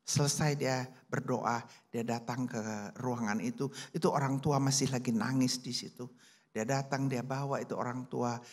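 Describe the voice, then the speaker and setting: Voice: mid-range voice, steady tone, normal speed. A preacher telling a story in a sermon, acting out the people he quotes. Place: church service.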